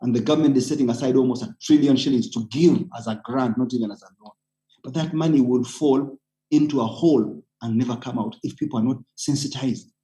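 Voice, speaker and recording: In rough audio, a man with a Ugandan accent talks a little fast in a dark, medium-pitched voice. As a community organizer on a webinar panel, he recounts personal experience and earnestly presses his emphatic points to rally people.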